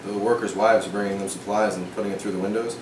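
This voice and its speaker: A woman plays a steady, cautioning working-man father in a scripted wartime drama. The lines come quickly, heard from a distance in a very echoey, noisy room. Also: very deep voice. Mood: sober. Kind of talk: amateur scripted period drama.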